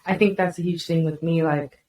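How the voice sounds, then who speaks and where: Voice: mid-range voice, fairly even intonation, a little fast, a little mellow, a little hiss or hum. A podcast host chatting casually and supportively, full of "like" and "facts". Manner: casual, affirming, says "facts" and "like" often. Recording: echoey room, voice off-mic.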